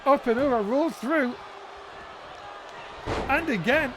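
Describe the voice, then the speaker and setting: A man doing live play-by-play as a wrestling commentator, in an excitable, exclaiming manner. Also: extremely high pitch, slow pace. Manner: excitable, exclaiming at big moves. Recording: noisy event audio with crowd behind. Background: crowd noise.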